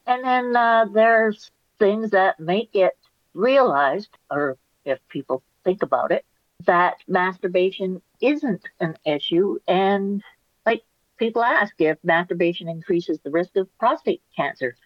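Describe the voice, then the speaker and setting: A woman's voice: medium pitch, unhurried, no room sound. Woman cohost on a podcast, dry teasing jokes, kinda dull muffled sound. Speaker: podcast co-host. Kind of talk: casual podcast chat.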